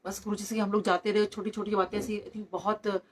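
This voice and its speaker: A woman's voice: mid-range voice, level tone, fairly quick, slight background noise. A middle-aged woman, a doctor, sharing devotional stories at a satsang, slipping English words into her narration. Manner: storytelling, code-switching into English.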